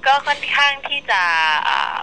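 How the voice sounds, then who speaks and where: A young woman singer speaking politely in a phone-in radio interview, soft and chatty. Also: normal speed, slight background noise. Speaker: singer guest. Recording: tinny phone line.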